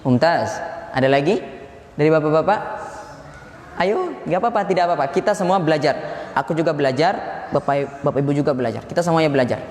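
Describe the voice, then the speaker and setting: A man's voice: fairly high pitch, expressive, a little fast, pauses often, a little mellow. A man, a Quran recitation teacher patiently drilling a group and counting them in, in a large mosque hall. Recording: echoey hall, faint room ambience.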